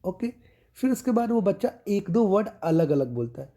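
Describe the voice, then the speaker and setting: A man teaching as a medical exam tutor, explaining milestones with mnemonics and checking in after each point. He slows down and drops his voice to stress key terms. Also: sits high, sing-song, mellow.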